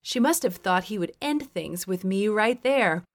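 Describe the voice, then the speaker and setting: A woman's voice: mid-range voice, expressive, a little slow. A woman reading her own memoir aloud as an audiobook, wry and blunt. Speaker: memoir narrator.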